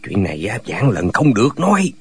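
Male actor voicing a pack of silly, bickering hermit brothers in a radio drama, husky and singsong. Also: fairly low pitch, wildly swooping pitch, fairly quick, dry recording, full character voice. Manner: bickering, argumentative back-and-forth. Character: six squabbling, foolish male martial hermits.

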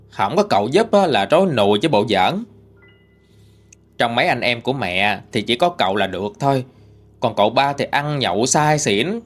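A man with a Southern Vietnamese accent narrating a ghost story in a chatty, conversational way. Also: medium pitch.

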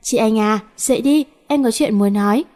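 A woman voicing a gentle teenage girl who coaxes and comforts her cousin. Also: fairly high pitch, moderate pace, close to an everyday voice. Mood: coaxing. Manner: soft, coaxing.

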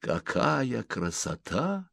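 A man voicing a kindly male alien pilot in whispered role-play, speaking in a soft, polite whisper. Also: mid-range voice, very animated, drawn-out words, creaky, no echo, studio quality, voice pushed up, exaggerated voice. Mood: gentle.

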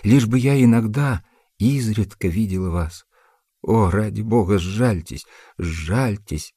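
A man's voice: lowish voice, fairly even intonation, a little slow, warm tone, slightly rough, dry recording, clean studio sound. A man voicing a jilted young woman in a storybook reading, threatening revenge and pleading desperately. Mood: begging. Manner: threatening, then tearful and pleading.

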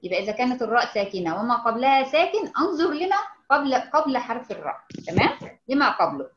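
A woman with an Egyptian Arabic accent teaching recitation, explaining patiently and modeling words slowly with repetition. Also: a little high, sing-song, fairly bright tone, roomy sound, lo-fi sound, slight background noise. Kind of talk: informal online lesson.

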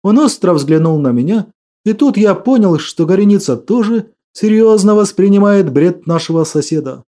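A man narrating a first-person audiobook in an even, expressive storytelling manner. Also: sits high, moderate pace.

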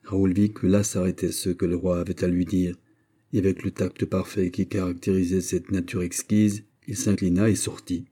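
Male narrator, low pitch, dark husky voice, measured literary reading. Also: flat delivery. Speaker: audiobook narrator.

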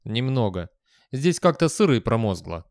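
A man's voice: medium pitch, very animated, normal speed, darkish tone, dry recording, studio quality. A man voicing a nervous, wry young man who rambles and hesitates as he explains himself. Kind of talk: audiobook dialogue.

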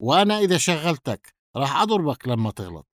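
A man voicing a gruff, burly middle-aged male baker in an audiobook, speaking with a Palestinian Arabic accent in a blunt, bossy, mocking way. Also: fairly high pitch, big pitch swings, quick pace, a bit bright, dry recording. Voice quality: coarse, dry voice. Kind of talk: audiobook character dialogue.

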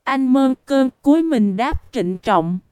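A woman narrating a story in an unhurried, even reading voice. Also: sits high, clear, resonant tone, no echo. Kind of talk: audiobook storytelling.

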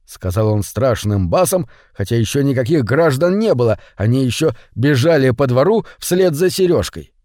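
A man narrating a children's story audiobook in an expressive storytelling manner. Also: mid-range voice, moderate pace, hardly any pauses, dry recording, studio quality.

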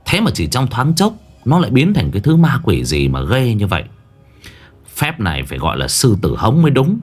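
A man's voice: medium pitch, wildly swooping pitch, a little fast, breathy edge, faint music behind. A man narrating a horror story with dramatic, suspenseful delivery.

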